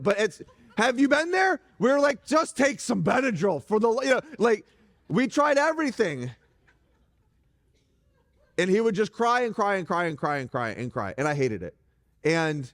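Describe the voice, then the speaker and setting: A middle-aged man preaching a conversational sermon from a church stage, animated and joking with the congregation. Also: a little high. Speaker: pastor. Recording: reverberant church hall.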